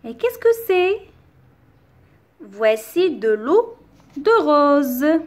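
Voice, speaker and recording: Slow, high-voiced woman teacher. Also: very animated, a little mellow. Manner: slow, articulated dictation-like delivery, repeating words. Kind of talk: slow, careful classroom reading and explanation.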